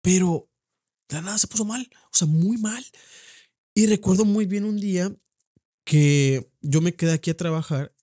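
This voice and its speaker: A young Mexican man recounts a painful memory in a podcast, halting and circling back over his words. His voice is mellow and dark, recorded close and dry with no room around it. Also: on the high side, no room sound. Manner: halting, repeats words, emotional retelling. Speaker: podcast host. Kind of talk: personal storytelling. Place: at home.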